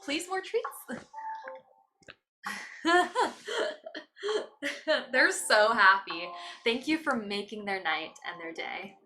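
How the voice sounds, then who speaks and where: A woman's voice: medium pitch, very animated, drawn-out words, pauses often, bright, forceful tone. A woman livestreaming in a casual, chatty way, cooing and doting as she talks to her cats. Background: faint background music.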